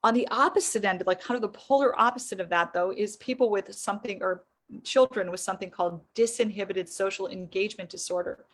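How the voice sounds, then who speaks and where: A woman's voice: mid-range voice, a little fast. A middle-aged woman giving an earnest, explanatory faith-based teaching talk on psychology, asking her listeners rhetorical questions.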